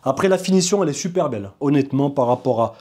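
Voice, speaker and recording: A man's voice: mid-range voice, expressive, fast talker, a little mellow. A man casually reviewing camera gear in a vlog, chatty and informal, talking straight to the viewer. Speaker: video maker reviewing gear.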